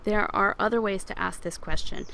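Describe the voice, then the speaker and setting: A woman teaching a beginner French lesson, patiently explaining and modeling words slowly for learners to repeat. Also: medium pitch, steady tone, creaky, sharp tone, a little hiss or hum. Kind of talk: recorded language lesson over slides.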